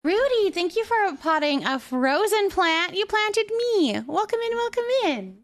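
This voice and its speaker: Speaking at a measured pace, this woman has a very high-pitched, very animated voice. She runs a casual live stream, going through viewer messages and responding with affection and reassurance while addressing listeners with endearments.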